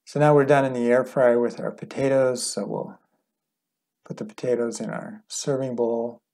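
A middle-aged man calmly walking through a cooking demonstration in a home kitchen, relaxed and plain-spoken. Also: mid-range voice, moderate pace, vocal fry. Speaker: cooking instructor. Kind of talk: calm step-by-step cooking demonstration.

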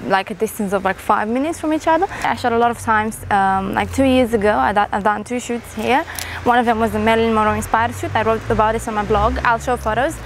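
A woman's voice: on the high side, fast talker. A young woman in her twenties chatting casually to camera on a walk outdoors, full of fillers and small laughs, on a lapel mic. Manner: chatty, hesitant, many fillers and little laughs. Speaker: photography vlogger. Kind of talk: casual vlog walk-and-talk. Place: outdoors on a city street. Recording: street noise in the background.

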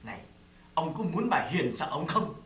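A man's voice: on the high side, big pitch swings, normal speed, a bit bright, roomy sound, far from the mic. A man acting in a stage comedy sketch, boastful and coaxing as he pushes his friend to be brave.

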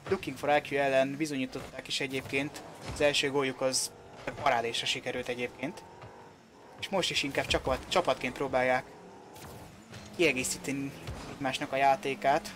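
A man giving excited live play-by-play commentary on a video game match, like a sports commentator. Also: medium pitch, background noise. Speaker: esports commentator.

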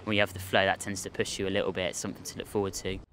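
Young man talking fast and flat outdoors. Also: deep voice, a little hiss or hum. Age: young adult. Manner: quick, eager, slightly rambling. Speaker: young army canoe racer being interviewed. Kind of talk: casual interview answers. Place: outdoors by a lake.

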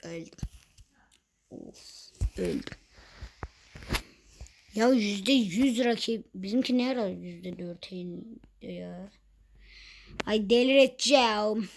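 A woman's voice: medium pitch, measured pace, vocal fry. A young woman talking casually over her own gameplay, chatty and easily exasperated, with teasing asides. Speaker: gaming youtuber.

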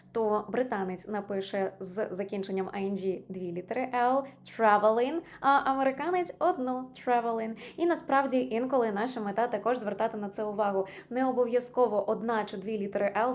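A woman teaching an online English lesson, patiently explaining spelling rules and stressing each example word. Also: a little high.

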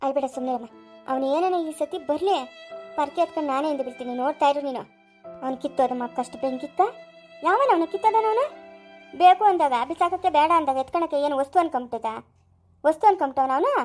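A fierce but caring sister-in-law, acted by a woman, comforting one moment and forceful the next. Her voice is very high and her speech rapid. She has a Chikkaballapur Kannada accent, in a homemade family skit. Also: soft background music, close to an everyday voice. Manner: scolding yet comforting, forceful.

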